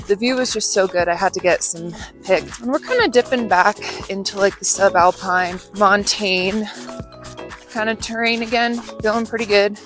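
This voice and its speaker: A woman's voice: mid-range voice, moderate pace. A young woman chatting casually to her vlog while out on a trail run, recorded outdoors on a mountain. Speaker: trail running vlogger. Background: music.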